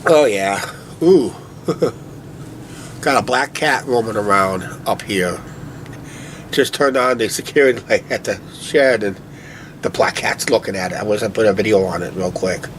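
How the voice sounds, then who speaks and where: A vlog co-host with a stuffy, blocked nose chats over a beer outdoors at night near a shed, talking into a camera on a tripod. He meanders with plenty of "uh, basically" fillers, speaking at a moderate pace with frequent pauses. His voice is fairly low, and there's a little hiss or hum.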